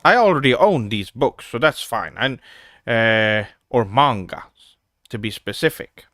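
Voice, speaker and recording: A man's voice: mid-range voice, no echo, studio quality. A man streaming, commenting casually and with amusement as he reacts to his old videos. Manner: amused, chuckling, slow and relaxed.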